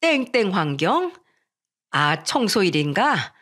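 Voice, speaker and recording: A woman's voice: mid-range voice, very animated, slow, fairly bright tone, exaggerated voice. A woman voicing a brazen, condescending middle-aged future mother-in-law in a narrated radio story.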